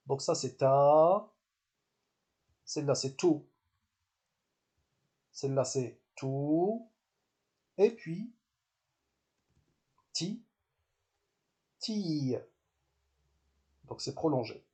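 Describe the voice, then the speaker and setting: Patient man teaching, slightly high voice. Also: dark tone. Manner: patient, repeats and drills syllables slowly; hesitant fillers and restarts. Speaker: Arabic language teacher. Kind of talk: step-by-step lesson explanation.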